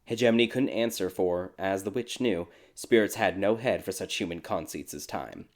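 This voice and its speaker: A man with a low voice reads a dark fairy tale aloud. His narration is scripted, measured and steady, and he keeps an even storyteller's pace.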